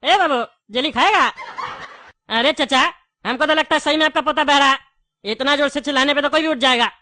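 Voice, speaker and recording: A woman's voice: high voice, sharp tone, slight background noise. A woman voicing a chatty, wary male candy shopkeeper in a cartoon. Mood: coaxing. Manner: chatty, wary, quick to take offence. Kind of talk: cartoon voice acting.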